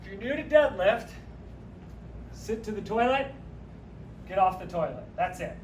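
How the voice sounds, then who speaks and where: Recorded far off in an echoey, empty room with a little hiss or hum, a man with a high-sitting voice guides a workout class. He speaks a little slowly with lively intonation, slightly breathless from exercising, joking and counting reps in cheerful coach fashion.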